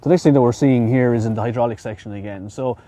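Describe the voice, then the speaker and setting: A man's voice: medium pitch, fast, mellow. A middle-aged man, an equipment inspector walking through machine reports outdoors at an auction yard, practical and prone to repeating words. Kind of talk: on-site equipment walkthrough.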